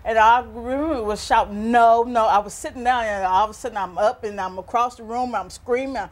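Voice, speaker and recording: A middle-aged woman interviewed as a grieving mother, telling her story haltingly and repeating words. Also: on the high side. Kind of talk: emotional interview recollection.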